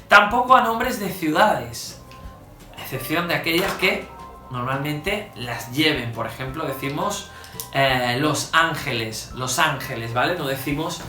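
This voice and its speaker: A bright, forceful male voice explains grammar like a teacher, spelling out examples slowly and with stress. The room rings with echo, and faint music plays underneath. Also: a little high. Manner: slow, stressed examples with frequent "¿vale?" checks. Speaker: Spanish teacher. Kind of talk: spoken grammar lesson.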